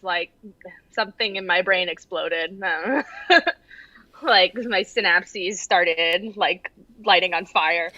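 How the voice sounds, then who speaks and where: A young woman chatting casually as an interview guest, halting and self-deprecating, talking over a video call. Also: lowish voice, bright, forceful tone, dry recording. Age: young adult. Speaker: guest playwright. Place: small room at home, indoors. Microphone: computer mic on a video call. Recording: slightly dull video-call audio.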